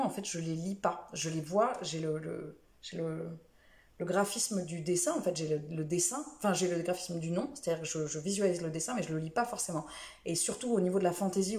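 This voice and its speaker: A woman's voice: lowish voice, darkish tone, roomy sound. A woman chatting casually about the books she read this week, rambling a little, with lots of fillers and self-corrections. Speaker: book vlogger. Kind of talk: casual book review chat.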